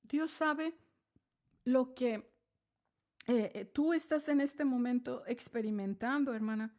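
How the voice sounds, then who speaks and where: A woman's voice: high voice, takes it slowly, a little mellow. A woman giving a devotional talk to other women, earnest and pleading, often calling her listener sister. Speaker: women's ministry speaker. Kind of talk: devotional teaching.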